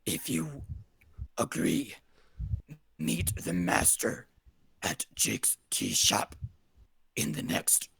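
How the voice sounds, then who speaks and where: A man's voice: lowish voice, big pitch swings, drawn-out words, gravelly, long pauses, a bit bright, slightly rough, no room sound, voice pushed down, heavily acted. A man acting as game master, voicing a tall armored guard who speaks in a weird, tinny, inhuman voice. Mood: menacing. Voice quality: tinny, metallic, mangled delivery. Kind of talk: voicing a character in a tabletop game.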